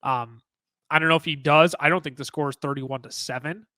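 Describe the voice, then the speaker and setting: A man co-hosting a sports podcast, talking excitedly in casual chat with many restarts. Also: on the high side, a little fast, no room sound. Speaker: podcast co-host.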